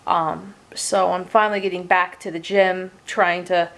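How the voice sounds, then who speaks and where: A woman in her late twenties, a gaming streamer, rambles through a casual monthly update vlog while sitting on her couch at home. She's chatty, full of fillers and casual swearing, though her lowish voice stays flat and unhurried with a fairly bright tone.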